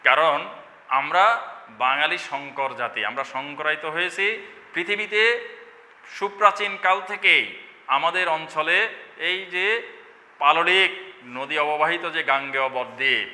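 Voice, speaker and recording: Bright-voiced man teaching a class. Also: on the high side, unhurried, pauses often, long reverb tail. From Bangladesh. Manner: explanatory, asks and answers his own questions. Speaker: Bengali teacher. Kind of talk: online class lecture.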